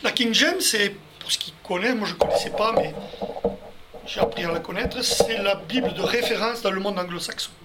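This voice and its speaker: A man leading a Bible study talks directly to his listeners, working through the verses in order at a fairly quick pace. His voice sits high, and the recording is very noisy.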